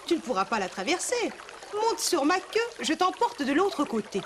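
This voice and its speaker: A woman's voice: sits high, very animated, normal speed, noisy background. A woman with a Quebec French accent voicing a sly, cunning fox who sweet-talks in a children's cartoon. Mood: coaxing. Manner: coaxing, sweet-talking.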